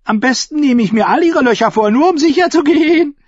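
Shackwell, a shrill cackling jester. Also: male voice, expressive, fairly quick, no echo. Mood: lewd boasting. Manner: shrill crowing taunts, leering. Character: cackling, crude, vicious male jester-outlaw. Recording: dull, lo-fi and dry.

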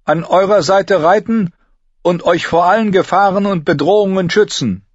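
Male reader as a proud young woman knight: high and loud, solemn vows, husky edge. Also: normal speed, no echo, lo-fi sound. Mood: fervent vow. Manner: solemn, fervent vowing.

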